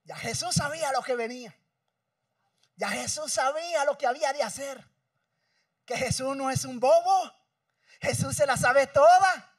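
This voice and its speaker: A male pastor preaching a sermon, swinging between shouting and hushed, dramatic passages. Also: very high voice, moderate pace, long pauses, no room sound, far from the mic.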